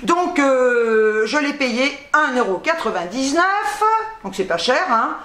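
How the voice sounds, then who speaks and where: A woman hosting a casual haul vlog, rambling fast and reading product labels aloud, tripping over her words. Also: high-pitched, big pitch swings, a bit bright. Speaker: YouTube host. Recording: echoey room.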